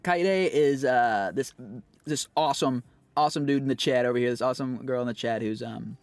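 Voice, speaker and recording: Talking loosely to the people watching his livestream, this streamer and singer rambles in an animated way at a medium pitch. Fillers crowd his speech, broken up by quick laughs.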